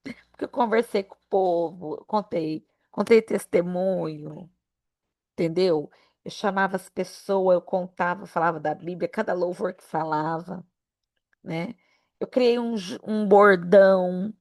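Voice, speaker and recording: A woman with a Brazilian accent giving a sermon-style Bible lesson, telling stories in a lively way and acting out other people's words. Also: measured pace. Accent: Brazilian Portuguese. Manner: lively storytelling, acting out quoted voices with big pitch jumps. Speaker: preacher teaching a Bible lesson.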